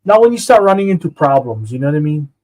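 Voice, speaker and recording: A man's voice: fairly high pitch, big pitch swings, quick pace, a little mellow, rough recording. A man co-hosting a casual art stream, rambling with lots of fillers and "you know what I mean". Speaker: co-host and illustrator.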